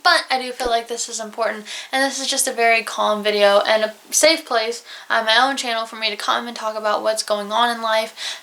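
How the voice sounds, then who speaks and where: Young southern girl vlogging alone to her camera, emotional and honest, kinda high bright voice. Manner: open, emotional, close to tears at times. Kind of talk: personal vlog talk to camera. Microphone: camera mic, alone at home.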